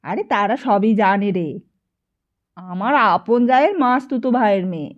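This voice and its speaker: A woman narrator voicing a bossy older woman matchmaker who talks briskly and dismisses every worry. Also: mid-range voice, dull audio, natural voice.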